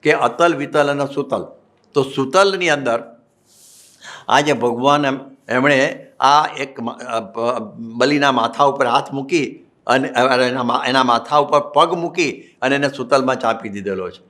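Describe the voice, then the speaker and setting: Male monk, Gujarati accent, sermon storyteller, quotes and verses, mid-pitched voice. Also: measured pace, fairly bright tone. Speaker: monk preacher. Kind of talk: Gujarati religious discourse.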